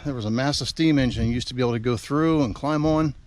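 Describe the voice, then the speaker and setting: Out of breath as he climbs to a railroad overlook, a vlogger narrates his casual outdoor travel video, eagerly pointing things out as he walks. He talks like a chatty, enthusiastic tour guide in a quick, mid-range, somewhat dark voice, with outdoor sounds behind him.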